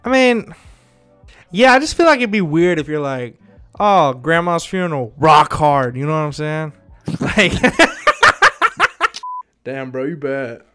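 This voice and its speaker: Man, casual crude joking chat, video call, animated pitch, unhurried. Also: clean tone, faint music behind. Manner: crude, joking, laughs often. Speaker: host chatting with strangers.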